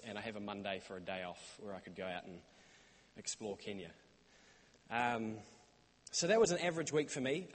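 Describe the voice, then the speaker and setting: A young man with a New Zealand accent gives an earnest church talk about his mission stay, often pausing with "um" and "uh". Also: medium pitch, slightly rough. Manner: earnest, many "um" and "uh" fillers. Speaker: church intern giving a report. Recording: reverberant hall sound.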